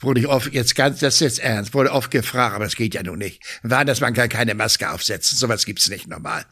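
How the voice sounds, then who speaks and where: A man's voice: mid-range voice, a little fast, sharp tone. Rambling man playing Santa in an interview. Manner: rambling, tags sentences with "ne?". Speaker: Santa Claus performer.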